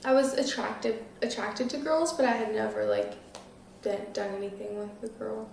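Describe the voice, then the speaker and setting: A woman's voice: a little high, lively intonation, moderate pace, vocal fry, a little mellow, far from the mic, slight background noise. A nineteen-year-old woman answering interview questions casually, giggling and using lots of "like" fillers. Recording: very echoey room, voice off-mic.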